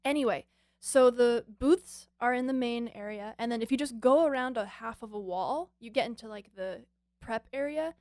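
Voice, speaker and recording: A woman co-hosting a podcast, telling a chatty personal story and now and then clearing her throat. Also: a little high, moderate pace, darkish tone, no echo, studio quality. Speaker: podcast co-host. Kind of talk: casual anecdote.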